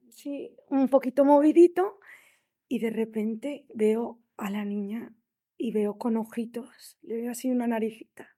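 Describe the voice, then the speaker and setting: Mellow-voiced young woman telling her story. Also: a little high. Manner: emotional, halting storytelling with many restarts. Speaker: guest speaker sharing a testimony. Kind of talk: personal testimony at a talk.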